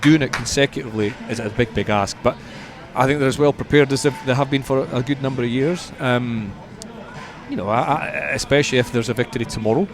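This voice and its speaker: Crowd noise sits behind a man with a mid-range voice who is a radio guest offering sports punditry, speaking conversationally and measuredly while repeating words to drive points home.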